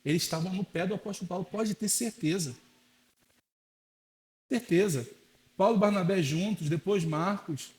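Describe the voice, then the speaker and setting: Casting: young Brazilian pastor, high voice, chatty sermon delivery, slips into quoted voices. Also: male voice, normal speed, long pauses, a little mellow. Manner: conversational preaching, acts out quoted voices.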